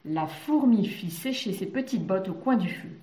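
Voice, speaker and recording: A woman narrating a children's story gently. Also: mid-range voice, animated, moderate pace. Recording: roomy echoey recording.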